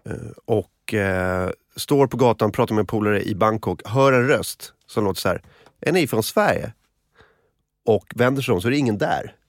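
A man's voice: lowish voice, hardly any pauses, dry recording, studio quality. A man co-hosting a casual morning podcast, rambling through anecdotes with lots of fillers and swearing. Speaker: podcast co-host.

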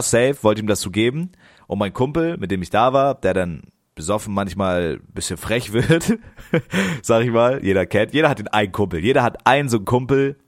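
A man's voice: lowish voice, no echo, studio quality. A young man co-hosting a podcast, telling rambling stories in loose slang. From northern Germany. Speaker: podcast co-host. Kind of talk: casual chat.

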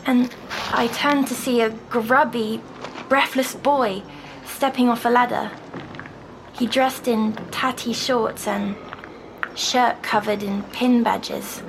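A woman, softly recounting a dream as a patient in an audio drama. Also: on the high side, steady tone, gravelly, noisy background. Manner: soft, slow, dreamy recounting.

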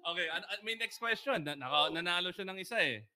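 A man's voice: high-pitched, animated, brisk, bright, forceful tone. A man co-hosting a podcast giveaway, reading quiz questions and laughing along. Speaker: podcast co-host. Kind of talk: lively group chat giveaway.

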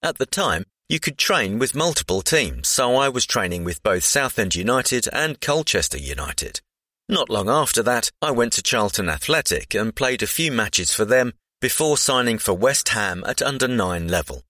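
A man's voice: medium pitch, sing-song, normal speed, pushed and bright, no room sound, studio quality. A man reading a scripted profile aloud.

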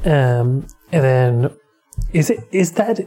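A woman's voice: a bass voice, lively intonation, slow pace, over music. A young woman casually recapping a film as a co-host, rambling and swearing offhandedly. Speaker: podcast co-host.

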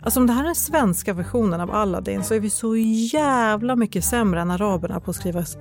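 A woman's voice: medium pitch, a little mellow, faint music behind. A woman reading a fairy tale aloud, breaking off into irreverent, swearing asides that mock the story.

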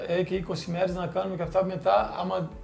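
Brazilian man speaking halting Greek. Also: high-pitched, level tone, creaky, a little mellow, faint music behind. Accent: Brazilian Portuguese. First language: Portuguese. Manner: halting, simple non-native Greek, acts out quoted dialogue. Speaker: guest, former footballer. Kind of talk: casual interview chat.

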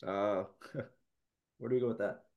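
A man co-hosting a casual basketball podcast, talking in a halting way with many restarts while losing his voice. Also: on the low side, steady tone, highs cut off. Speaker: podcast co-host. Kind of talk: casual sports talk.

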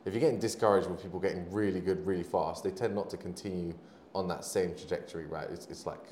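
A man's voice: low voice, fairly even intonation, fast talker, darkish tone, slight background noise. A young man talking casually as a podcast guest, swearing and laughing often. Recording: roomy echo with faint ambience.

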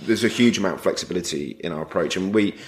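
A man's voice: low voice, quick pace, crowd noise. A man who co-runs a theatre company, speaking in casual interview talk and thinking aloud as he searches for words.

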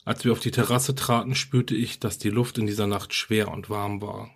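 Husky low-voiced man reading a horror story. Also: level tone, normal speed. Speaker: podcast narrator.

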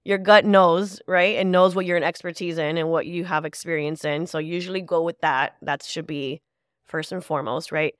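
A woman's voice: lowish voice, steady tone, normal speed, no room sound, clean studio sound. A woman with a stuffed-up, nasal voice from a cold, talking casually and chattily as she hosts a solo podcast. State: congested with a cold. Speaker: podcast host.

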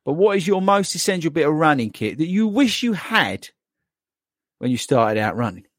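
Guy hosting a running pod, jokey and teasing, bouncy pitch, dry close sound. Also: sing-song, moderate pace, fairly bright tone, dry recording. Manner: jokey, teasing, laughs a lot. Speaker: podcast host. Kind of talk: casual chat.

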